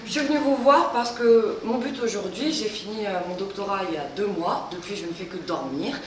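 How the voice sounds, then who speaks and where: A woman gives a humorous, animated short pitch about herself as a new doctor. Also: a little fast. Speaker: doctoral contest speaker. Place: large lecture hall. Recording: echoey hall, distant mic, background noise.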